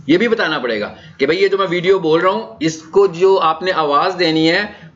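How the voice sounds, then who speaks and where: A man with a Pakistani accent and a somewhat high, slightly bright voice works as a digital marketing trainer, giving an informal, conversational lecture at an orientation session. He explains ideas and checks in with rhetorical questions, captured on dull, lo-fi audio.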